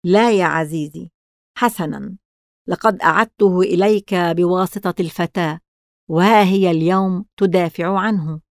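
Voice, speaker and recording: Scornful old gang boss in a storybook, low and dry, as a woman narrator puts him on. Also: moderate pace, no room sound, lightly acted. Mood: wheedling. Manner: scornful, furious outbursts. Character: scheming old male gang boss, greedy and nervous.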